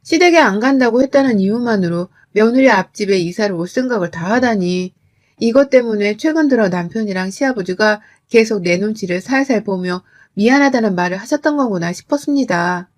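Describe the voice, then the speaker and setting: A woman telling a first-person family story as scripted narration, in an even, reflective tone. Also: mid-range voice, a little fast.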